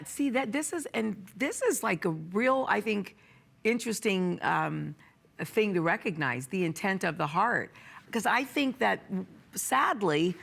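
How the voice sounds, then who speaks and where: A woman hosts a conversational interview, musing aloud and searching for words as she asks her questions. Her voice is mid-range, gravelly and a bit bright.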